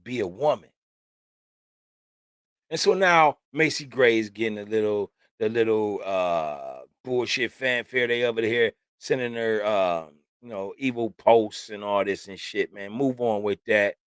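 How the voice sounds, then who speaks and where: A man's voice: fairly low pitch, unhurried, a bit bright, clean tone, no room sound, clean studio sound. A man hosting a casual opinion podcast, talking in a loose, slangy, rambling way. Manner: loose, slangy and talkative, with frequent "man" and "you know what I'm saying". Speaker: podcast host.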